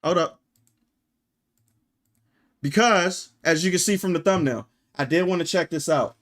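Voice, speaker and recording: A man ranting on a live stream, his voice sitting a little higher than most men's. He talks bluntly to his chat, swears freely, and keeps checking in with a rhetorical "right?" as he drives each point home. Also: measured pace, fairly bright tone. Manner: blunt, emphatic, profane, rhetorical "right?" tags. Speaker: streamer reacting and reading chat. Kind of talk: casual livestream rant.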